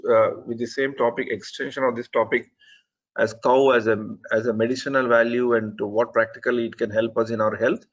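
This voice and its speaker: Over a call, a man evaluating a presentation gives earnest spoken feedback on an online talk, critiquing methodically and restarting often. His voice is mid-range, and the audio sounds dull.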